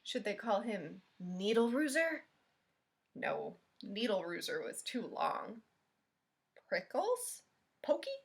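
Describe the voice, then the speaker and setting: A library storyteller with a mid-range voice reads a picture book aloud to young children. She's expressive and stops to ask the kids questions.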